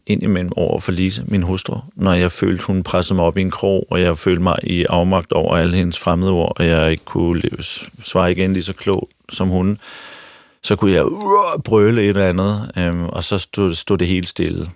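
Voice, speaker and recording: Deep, gravelly middle-aged man talking frankly. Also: darkish tone, no room sound, studio quality. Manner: frank, self-revealing, with repeated restarts. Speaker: actor and radio show host. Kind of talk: candid personal storytelling on a talk show.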